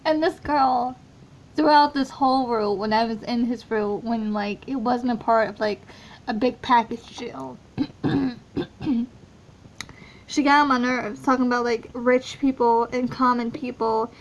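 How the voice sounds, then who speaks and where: A woman's voice: a little high, fairly even intonation, unhurried, rough recording. A young woman reading through a story game aloud, breaking off for blunt, profane, joking asides. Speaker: game reader. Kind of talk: casual game readthrough with commentary.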